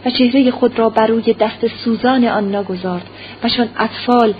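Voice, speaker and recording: Brief: female audiobook narrator, measured delivery, somewhat high voice, dull lo-fi sound. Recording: muffled lo-fi recording, faint hiss.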